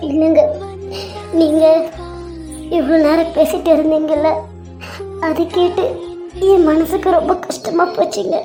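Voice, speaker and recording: A woman voicing a young, pregnant wife in an animated serial, pleading and apologetic. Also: high voice, a little slow, long pauses, music in the background. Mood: tearful pleading. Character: young tearful wife, pregnant after long wait. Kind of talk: cartoon serial voice acting.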